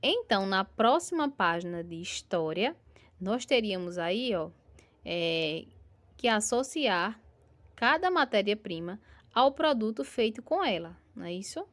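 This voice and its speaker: Woman, Brazilian Portuguese accent, schoolteacher, recorded lesson, patient, slow drawn-out syllables, mid pitch. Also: big pitch swings, fairly bright tone. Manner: patient, drawn-out syllables, frequent tag questions. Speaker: primary school teacher.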